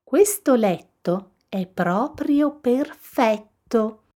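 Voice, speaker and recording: A woman puts on a fussy little storybook girl with a high, girlish voice. She is picky and complaining, speaking with a bright lift. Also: animated, very slow, full character voice. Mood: content.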